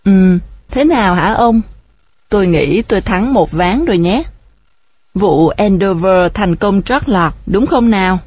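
A woman reading out a taunting letter from an anonymous male killer, slowly and mockingly, in a storybook reading. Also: mid-range voice, animated, a little mellow, slightly rough, no echo. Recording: dull, dry recording.

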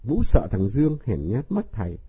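Dark husky male storybook narrator. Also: on the low side, normal speed, no room sound. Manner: expressive reading. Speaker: audiobook narrator. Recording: dull, dry lo-fi recording.

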